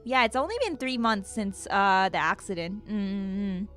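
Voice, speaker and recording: A woman streaming a visual novel playthrough, reading its narration aloud and reacting with animated, giggly, slangy commentary. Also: mid-range voice, a little slow, faint music behind.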